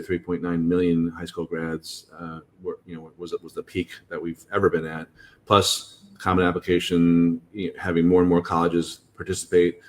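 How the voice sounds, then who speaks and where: A man with a very low voice hosts a podcast about college admissions. He explains things casually and often stops to restart his sentences. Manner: halting, many restarts and fillers.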